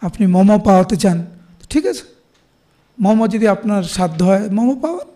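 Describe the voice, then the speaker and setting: Leading a devotional class, this Indian preacher in middle age speaks with a Bengali accent in a rather high, mellow, animated voice. Everyday illustrations give way at times to slow, chant-like recitation of verses.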